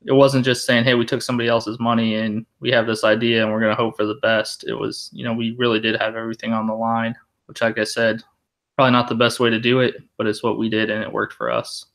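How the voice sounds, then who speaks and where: Candid man with an even, level voice. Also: mid-range voice, fast. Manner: candid, plainspoken, says "you know" often. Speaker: company founder panelist. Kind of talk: panel discussion answers. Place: indoors in a living room. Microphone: webcam on a video call.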